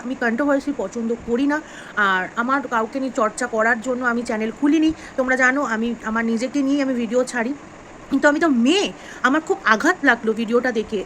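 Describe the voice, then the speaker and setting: A woman's voice: high-pitched, a bit bright, a little hiss or hum, low-quality recording. A woman vlogging straight to camera, earnest and upset, pleading with viewers. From West Bengal, India. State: unwell. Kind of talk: direct-to-camera vlog commentary.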